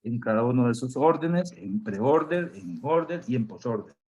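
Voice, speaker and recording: A man teaching an online class with a sore throat, clearing it often and explaining slowly step by step. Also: mid-range voice, expressive, darkish tone. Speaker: university professor.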